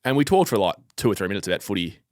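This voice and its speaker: A man's voice: fairly low pitch, big pitch swings, rapid-fire, no echo, clean studio sound. An Australian man co-hosting a casual sports podcast, telling stories with lots of fillers. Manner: rambling storyteller, many fillers. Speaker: podcast co-host. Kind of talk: casual footy chat.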